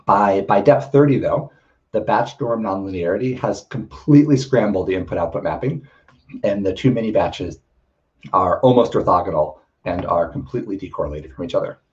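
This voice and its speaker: A man's voice: low voice, lively intonation, a little fast, a little mellow, lo-fi sound. A man giving a technical lecture, explaining step by step with frequent ums and restarts, slightly losing his voice.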